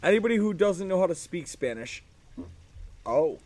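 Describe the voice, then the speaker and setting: A man's voice: high voice, animated, moderate pace, darkish tone. A man hosting a casual podcast outdoors, joking and swearing through crude banter with friends. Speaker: podcast host. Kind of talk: casual chat.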